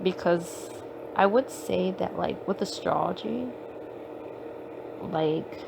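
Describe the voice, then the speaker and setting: Recording her podcast on a phone, a woman talks slowly in a fairly low voice with vocal fry. Background noise is audible as she rambles in a relaxed way, full of fillers and curse words.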